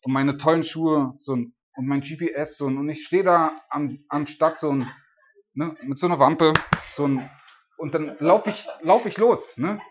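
Husky man preaching in a chatty way. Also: fairly high pitch, fairly even intonation, normal speed. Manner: chatty, peppered with tag questions and filler. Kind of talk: casual conversational sermon. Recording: dull lo-fi recording.

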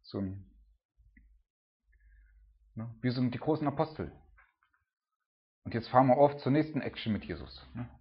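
A man giving a sermon in a loose, conversational way, often adding "ne?" and rising to loud cries when he retells dramatic scenes. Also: medium pitch, animated, normal speed, long pauses, lo-fi sound. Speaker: preacher.

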